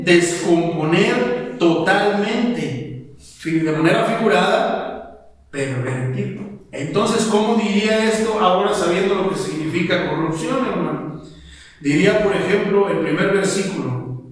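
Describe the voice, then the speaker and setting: A man preaching a Bible sermon to a congregation. He reads the verses slowly and keeps asking his listeners questions. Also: high-pitched, animated. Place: church sanctuary. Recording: echoey church hall from far off.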